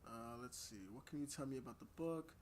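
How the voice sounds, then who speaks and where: A man's voice: mid-range voice, a little fast, darkish tone, slight background noise. A man giving casual, slangy let's play commentary as he plays a video game. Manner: laid-back, slangy. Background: game music.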